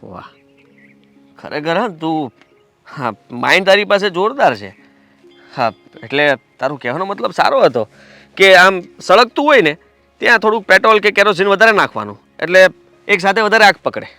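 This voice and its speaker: A man's voice: sits high, sing-song, normal speed, long pauses, bright, forceful tone, no echo, soft background music, exaggerated voice. An actor playing a nervous young man who is afraid of his elder brother and speaks in a hesitant, pleading way to his girlfriend. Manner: hesitant, pleading, then rambling. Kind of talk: film dialogue.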